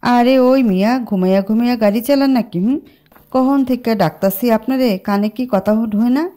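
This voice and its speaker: A woman voicing a gruff, middle-aged male truck driver in a spoken storybook, scolding loudly in rustic speech. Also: fairly high pitch, moderate pace, pitched above the performer's own voice, natural voice.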